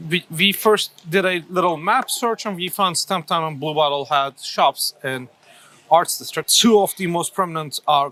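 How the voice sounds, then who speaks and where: Man from Turkey, 30s, bright and fairly high voice, thoughtful interview guest with lots of restarts. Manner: thoughtful, many fillers and restarts. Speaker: coffee shop owner, guest. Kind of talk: casual interview answers.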